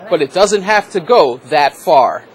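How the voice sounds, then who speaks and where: A man's voice: on the high side, lively intonation, unhurried. An American man delivering a scripted television news report as a reporter.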